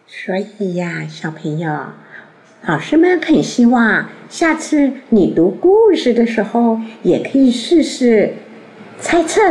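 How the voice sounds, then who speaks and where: A woman teacher, speaking slowly and soothingly to young children. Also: medium pitch, reverberant, slight background noise. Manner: slow, soothing, lively intonation. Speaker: reading teacher. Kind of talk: children's reading lesson.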